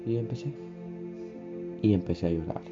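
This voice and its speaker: A young man with a Honduran accent telling a personal story in a casual, slangy, animated way. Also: lowish voice, normal speed. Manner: animated, slangy, acts out his own crying. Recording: dull lo-fi recording, faint music.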